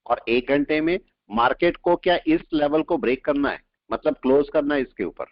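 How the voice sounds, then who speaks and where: A man teaching a live trading class, explaining points and quizzing his students with quick questions. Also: on the high side, expressive, no echo. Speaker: trading instructor. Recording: dull lo-fi audio, dry.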